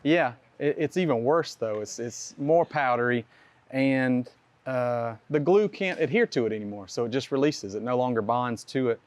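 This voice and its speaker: A man's voice: medium pitch, normal speed, dry recording. A man mechanic giving a plain, practical explanation of engine repairs at a tech session. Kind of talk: casual technical explanation.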